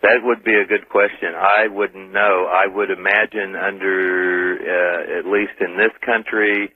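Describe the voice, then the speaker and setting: A man's voice: low-pitched, level tone, measured pace, breathy edge, no echo. A man calling into a late-night radio show, chatty and rambling with many fillers. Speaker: caller. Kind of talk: rambling call-in radio chat. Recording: dry, tinny phone line.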